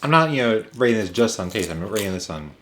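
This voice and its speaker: A man's voice: on the low side, lively intonation, quick pace, fairly bright tone, a little hiss or hum. A man giving a casual tasting review as co-host, musing in bursts and stressing his verdicts.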